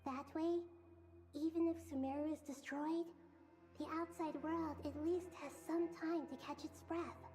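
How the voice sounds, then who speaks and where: Woman as child-like game goddess, high soft-toned voice, gentle, earnest, formal and measured, faint music behind. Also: fairly even intonation, natural voice. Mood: earnest, explanatory. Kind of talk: video game story dialogue.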